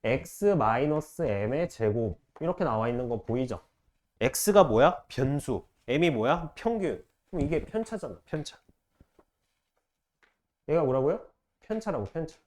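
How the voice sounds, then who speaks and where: A man teaching math to a class, firing short questions at students and repeating key phrases slowly. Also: medium pitch, animated, a little mellow. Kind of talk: classroom lecture.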